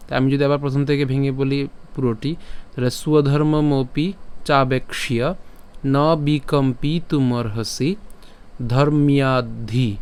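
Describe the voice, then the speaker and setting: A man teaching scripture pronunciation, breaking verses into syllables, repeating each word patiently and chanting the lines slowly. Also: mid-range voice, clear, resonant tone. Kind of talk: slow syllable-by-syllable pronunciation lesson with chanted recitation.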